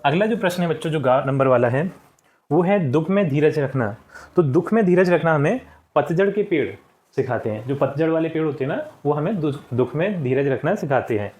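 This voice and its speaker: Male teacher, fairly high voice, patient, repeats words slowly, talks to children. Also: animated, darkish tone. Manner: addresses children often, checks with "ठीक". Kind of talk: school lesson, explaining textbook answers.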